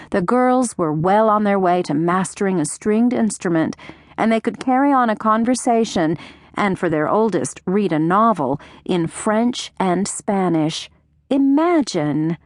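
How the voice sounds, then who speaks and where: A woman reading a novel aloud as an audiobook narrator, in a gentle storytelling manner with wry asides. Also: lowish voice, no room sound, studio quality.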